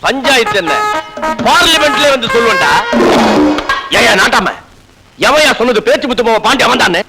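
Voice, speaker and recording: A cheeky young man who tells off a whole village in a comedy film. His voice sits fairly high, and his manner is mocking and defiant, with a film score underneath. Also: expressive, moderate pace, music in the background, low-quality recording.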